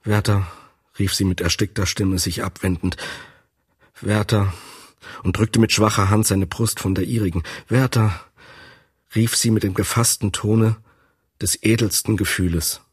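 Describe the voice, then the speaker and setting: A man with a low, slightly husky voice narrates a literary text in a scripted reading. His delivery is expressive and dramatic, shaping each sentence with feeling. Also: moderate pace. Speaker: audiobook narrator.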